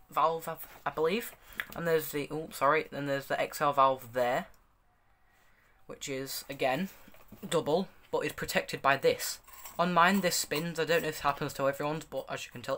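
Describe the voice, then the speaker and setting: A man's voice: on the high side, fairly bright tone. A young man giving a casual, unscripted review, rambling and correcting himself as he demonstrates. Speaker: hobbyist video reviewer.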